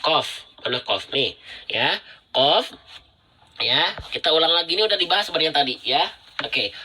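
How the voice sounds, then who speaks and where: A man's voice: fairly high pitch, pushed and bright. A man teaching Quran recitation rules in a live-streamed lesson, patiently repeating and demonstrating letter sounds and thanking viewers.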